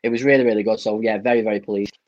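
A man's voice: on the low side, fairly even intonation, racing, a little mellow. A British man co-hosting a podcast, talking informally and effusively like a football fan. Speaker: podcast co-host. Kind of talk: casual fan chat. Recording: dull lo-fi microphone sound.

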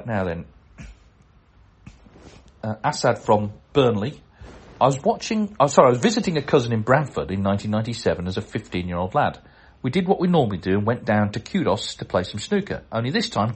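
A middle-aged man hosting a podcast, reading listener letters aloud in a chatty way, breaking off with chuckles and self-deprecating asides. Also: medium pitch. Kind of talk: casual chat and letter reading.

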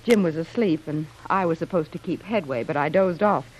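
A low-pitched, brisk woman's voice, a little mellow and breathy at the edges, tells an earnest tale. She's an actress in 1940s radio, cast as a plucky young wife who's been shipwrecked and is spinning a cover story, heard through a noisy vintage recording.

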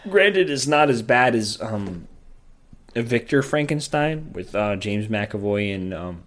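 A man's voice: fairly low pitch, lively intonation, slow pace, fairly bright tone. A man co-hosting a podcast in casual chat, rambling and profane, laughing often. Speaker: podcast co-host.

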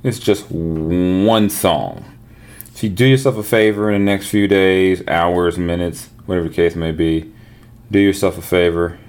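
A man's voice: low-pitched, a little slow, darkish tone. A man hosting a podcast, talking casually or reading a sponsor spot in his own voice. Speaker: podcast host. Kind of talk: casual sports and hip hop talk, with read-out sponsor spots.

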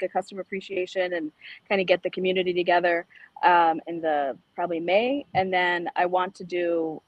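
A woman's voice: lowish voice, no echo, poor audio. A middle-aged woman from El Salvador, an insurance agent, chatting as a radio guest with many ums and restarts. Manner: conversational with frequent fillers and restarts. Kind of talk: casual radio interview. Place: high school.

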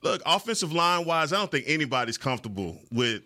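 A man's voice: fairly high pitch, very animated, fast talker, sharp tone. A man co-hosting a sports show, chatting casually about players with colloquial, emphatic repetition. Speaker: sports talk show co-host. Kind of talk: casual sports analysis chat. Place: podcast studio.

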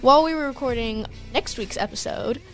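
A woman's voice: fairly high pitch, a little fast, soft background music. A young woman co-hosting a podcast, chatting casually and rambling through stories with frequent giggles. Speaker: podcast co-host. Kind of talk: casual chat.

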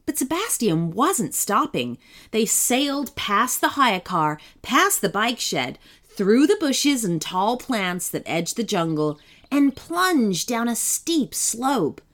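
A woman reads a children's story aloud with an animated, expressive delivery. Her pitch sits a little high and swings widely from line to line. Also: slow pace. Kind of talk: scripted narration for children.

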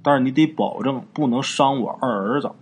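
A man's voice: medium pitch, fairly quick, slight background noise, lightly acted. Fierce village grandmother, voiced by a man, commanding, stern, folk ghost tale.

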